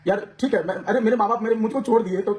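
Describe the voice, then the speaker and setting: A man's voice: high voice, racing, darkish tone. A man vlogging to his viewers, pouring out an aggrieved personal account with many restarts. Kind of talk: emotional personal account to camera.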